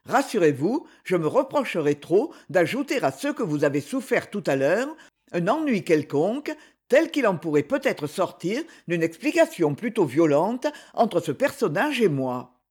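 A reader voicing Lord Gérald, a proud and gallant young nobleman, speaking in a courteous, measured way in a storybook reading. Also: mid-range voice, big pitch swings, darkish tone, slightly rough. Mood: reassuring.

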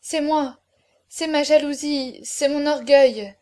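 Lady as a proud noble mom, pleading cries, high and loud, audiobook. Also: steady tone, a little slow. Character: proud, pleading aristocratic mother. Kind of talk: audiobook character reading.

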